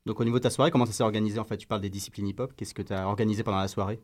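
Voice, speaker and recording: A man co-hosting a radio show, interviewing a guest with quick affirmations. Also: fairly low pitch, steady tone, darkish tone. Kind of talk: casual interview.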